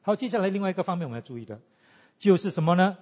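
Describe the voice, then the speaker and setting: A man preaching a sermon, teaching in an animated way and asking the congregation questions. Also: high voice, rapid-fire. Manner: animated teaching, asks the congregation questions, mixes in English tags. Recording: lo-fi with long hall reverb.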